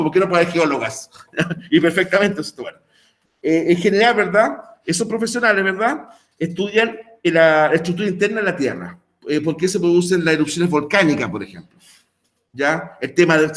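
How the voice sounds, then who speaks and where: A man teaching an online class, rambling and checking in with his students with lots of fillers. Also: on the high side. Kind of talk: recorded online class explanation.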